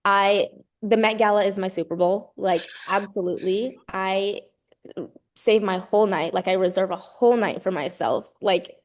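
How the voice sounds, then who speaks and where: A woman's voice: medium pitch, normal speed. A young adult woman, a college gymnast, speaking in an earnest, effusive and emphatic way as the guest in a casual interview.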